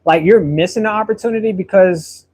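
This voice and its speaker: A man in his thirties talks casually while he paints and answers viewers. His voice sits a little high for a man. He rambles in a friendly way and often repeats words as he searches for what to say next. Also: brisk, a little mellow, breathy edge. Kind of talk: casual live-stream chat while painting.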